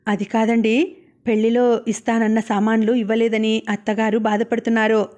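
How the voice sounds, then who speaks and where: A woman voicing a gentle, dutiful young wife who speaks politely and pleadingly. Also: fairly high pitch, level tone, normal speed, close to an everyday voice.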